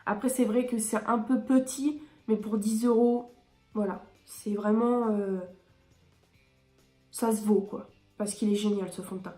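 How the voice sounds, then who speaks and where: A woman's voice: mid-range voice, fairly even intonation, unhurried, dark tone, faint music behind. Chatty woman beauty vlogger, echoey room. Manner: chatty, enthusiastic, frequent hesitations. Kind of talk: casual product review.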